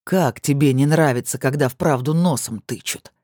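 A woman's voice: very deep voice, moderate pace, a little mellow, husky, dry recording, clean studio sound. A woman voicing a cold, furious young man who speaks in a curt, contemptuous, barking way, in an audiobook.

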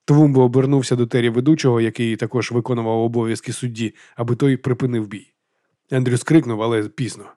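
Man, audiobook narration, steady delivery, middle pitch, dry close mic. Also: fast, dry recording. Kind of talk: audiobook reading of a novel.

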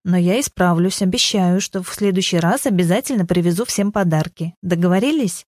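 A woman's voice: on the low side, fairly quick, darkish tone, dry recording, studio quality, natural voice. A woman voicing a shy, awkward grown man who speaks apologetically in an audiobook. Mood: sheepish. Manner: embarrassed, apologetic.

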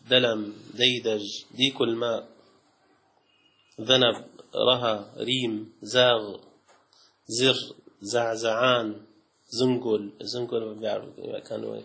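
A man, a sheikh teaching Islamic law in a classroom lecture. He reads lists aloud from a text and breaks off into quick colloquial asides. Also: medium pitch, gravelly, pushed and bright.

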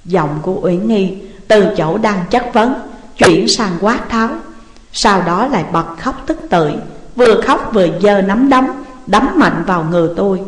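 A woman reading a novel aloud as audiobook narrator, in steady, measured storytelling. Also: medium pitch. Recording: roomy with long reverb.

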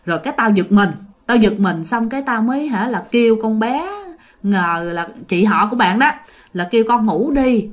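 A woman voicing a calm, matter-of-fact old grandmother telling what she saw. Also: fairly high pitch, normal speed.

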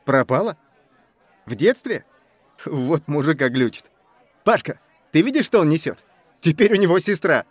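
A woman's voice: low voice, lively intonation, normal speed, pauses often, slightly rough, dry recording, a faint crowd, voice pushed down. A woman voicing a brash young male musician who teases his drunk friend in an audiobook. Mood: mocking. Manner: teasing, laughing at his friend.

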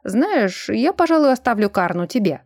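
A woman's voice: a little high, big pitch swings, normal speed, darkish tone, dry recording, studio quality. A woman doing a brash, boastful werewolf man. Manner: boisterous, teasing and boastful. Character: brash, lecherous male werewolf, a boastful joker.

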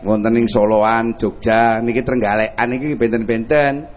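Casting: male stage host, Javanese accent, medium pitch, teasing comic banter full of local slang. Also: flat delivery, normal speed. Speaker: puppet master hosting the stage show.

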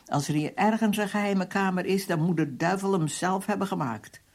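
A reader voicing a male searcher who reports quickly, fed up with the hunt. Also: mid-range voice, voice pushed up, lightly acted. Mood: exasperated.

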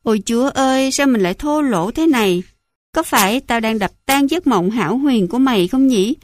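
A woman's voice: on the high side, animated, normal speed, dry recording, clean studio sound, close to an everyday voice. A woman voicing a cruel, scornful middle-aged mother who smokes and mocks her son. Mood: sneering. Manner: sneering, mocking, contemptuous.

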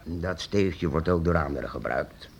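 A deep-voiced man with vocal fry plays a secretive old master craftsman and inventor in a radio play. The character is calm and fatherly, and the voice is measured, reassuring and lively in intonation. Slight background noise can be heard.

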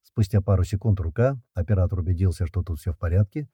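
A man's voice: sits low, lively intonation, fast talker, warm tone, breathy edge, dry recording. A man narrating an audiobook in the first person, casual and slangy.

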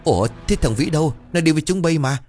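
A worried village mother whose voice lifts high as she pleads and wails, put on by a man. Soft music runs behind her lines. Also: expressive, fast talker, natural voice. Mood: distraught. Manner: wailing, pleading.

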